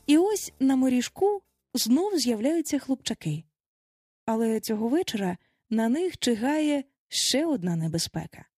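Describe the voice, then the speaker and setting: A woman narrating a storybook aloud in an expressive way, acting out the characters. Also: on the high side. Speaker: audiobook narrator.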